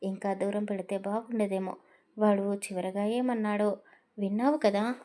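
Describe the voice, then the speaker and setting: A woman doing a calm older farmer father. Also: mid-range voice, normal speed, lightly acted.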